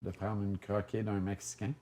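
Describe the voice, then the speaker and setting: A man's voice: fairly low pitch, flat delivery, moderate pace, dark tone. A man with a Québécois French accent hosting a casual interview, teasing his guest and asking probing questions. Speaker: host.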